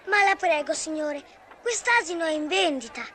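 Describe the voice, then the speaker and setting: A very high-voiced earnest cartoon boy. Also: expressive, normal speed, fairly bright tone. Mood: pleading. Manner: earnest, pleading. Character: earnest, kind young boy protective of his donkey. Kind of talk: cartoon dubbing. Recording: faint music and crowd behind.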